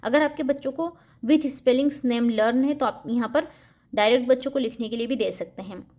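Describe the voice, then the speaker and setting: A young woman hosting a homeschooling channel, explaining English practice worksheets for young children in a steady teaching manner and reading the English questions out slowly and clearly. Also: high voice.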